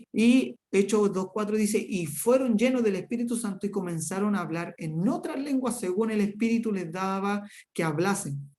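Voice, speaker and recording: A man's voice: high voice, darkish tone. Earnest male preacher, fervent repetition. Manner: earnest, emphatic, repeats words in runs. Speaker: preacher teaching a Bible lesson. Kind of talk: Bible lesson with personal testimony.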